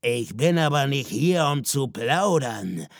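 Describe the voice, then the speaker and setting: A man doing a loud, menacing father. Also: mid-range voice, animated, vocal fry, dry recording, clean studio sound. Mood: threatening. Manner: loud, slow and commanding. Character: menacing father threatening to flood a city.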